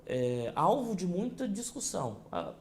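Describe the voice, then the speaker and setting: A man's voice: high-pitched, very animated, measured pace, creaky, a little mellow. A man in his fifties hosting an interview, asking questions in a conversational way and often starting with a hesitant "é". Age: 50s. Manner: conversational, leading with filler "é". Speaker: TV interview host.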